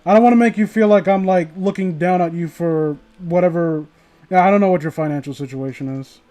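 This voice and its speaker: This livestreamer reads online horror stories while a bit drunk, rambling casually and cursing between them. He speaks a little fast in a high, dark-toned voice.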